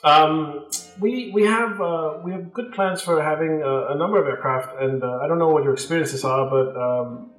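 A man's voice: on the high side, reverberant, soft background music, pitched above the performer's own voice, lightly acted, rough recording. Man putting on a cheery British explorer. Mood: hearty. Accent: put-on British. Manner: hearty, upbeat, halting. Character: jolly British expedition leader, older man.

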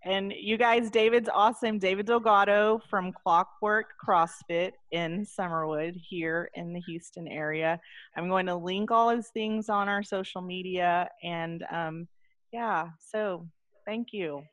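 Woman, podcast host, effusive, affectionate, fairly low voice, dry close sound. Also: steady tone, a little slow, a bit bright, dry recording. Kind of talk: casual interview chat.

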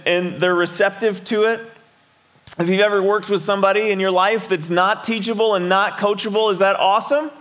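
A middle-aged male pastor delivers a sermon in a relaxed, conversational way. His voice sits slightly high, and he often repeats a word before going on. He keeps asking the listeners questions. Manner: conversational preaching with repeated words and rhetorical questions.

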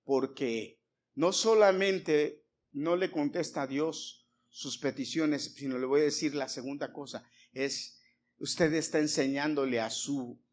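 Before his church congregation, a middle-aged pastor delivers an emphatic sermon, restating his points and questioning the audience. He speaks unhurriedly in a slightly high voice.

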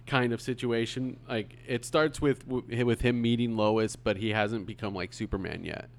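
A man's voice: mid-range voice, fairly even intonation, moderate pace, vocal fry. A man hosting a podcast, talking casually and rambling with many ums and restarts. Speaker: podcast host. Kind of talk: casual chat.

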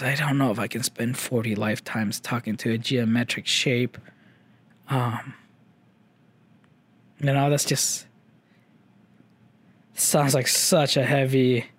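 A man's voice: medium pitch, no echo. A young man with a slight Chinese-English accent giving a casual, rambling audio update, full of fillers and casual swearing. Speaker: vlogger.

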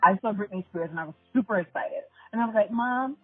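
Animated woman with a husky voice on a tinny line. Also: medium pitch, quick pace, dry recording. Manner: animated, laughing often, addresses listeners directly. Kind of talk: casual storytelling chat. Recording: tinny phone-like line, dry, faint music.

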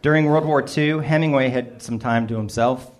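Reading aloud his own funny personal essay, a middle-aged man speaks at normal speed in a mid-range voice. He tells the first-person story wryly, mocking himself with dry humor.

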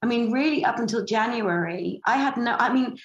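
A woman's voice: fairly high pitch, brisk, dull audio. A woman producing and directing a stage play, chatting in an interview with many "um"s and restarts. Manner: rambling, frequent fillers and restarts. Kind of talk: casual interview chat. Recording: echoey room.

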